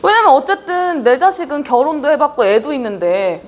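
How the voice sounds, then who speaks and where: Speaking briskly in a high voice, a woman leads a leadership training talk. She keeps the mood lively and informal, quizzing listeners often and talking with her students in a down-to-earth way.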